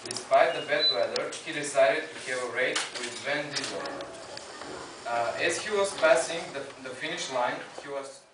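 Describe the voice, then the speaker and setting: A man's voice: medium pitch, moderate pace. Man, loose improvised storytelling, very echoey distant mic. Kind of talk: telling an improvised story in a class game. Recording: very echoey room, far mic, noisy.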